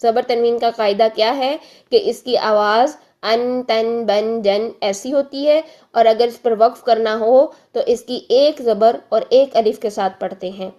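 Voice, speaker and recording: A woman teaching a recorded lesson on reading the Quran, explaining patiently and often checking in with the listener. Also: on the high side. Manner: draws out example syllables slowly and loudly.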